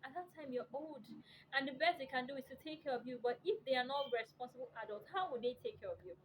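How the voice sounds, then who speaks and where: A woman's voice: high voice, fast, slight background noise, poor audio. A woman making an emotional, near-tearful appeal to parents, pleading and preachy, repeating words for emphasis. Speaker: vlogger.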